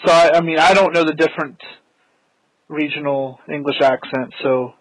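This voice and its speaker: Man host, slightly high voice, dry close sound, easygoing. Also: steady tone, normal speed, no echo, poor audio. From United States. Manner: easygoing, laughs at his own jokes. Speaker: podcast host. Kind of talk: casual chat watching a show.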